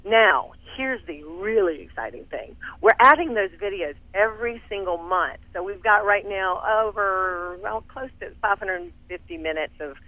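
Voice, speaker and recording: Animated Southern woman, upbeat and dry. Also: fairly low pitch, no echo, low-quality recording. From American South. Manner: energetic, animated, laughs often. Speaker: fitness studio owner, interview guest. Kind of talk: enthusiastic interview talk.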